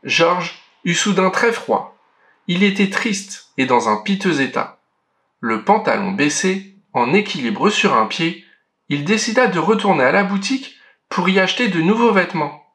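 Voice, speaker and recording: A man reading a children's picture book aloud in a gentle, clear narration with a story-reading lilt. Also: high voice, animated, moderate pace.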